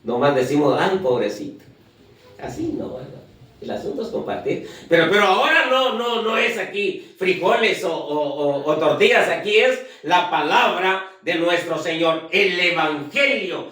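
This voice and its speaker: A man preaches a sermon with a high, lively voice that jumps up and down. He quizzes the congregation and counts off his points one by one. He is heard from a distance in a very echoey church. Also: normal speed. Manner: asks the congregation questions, lists points.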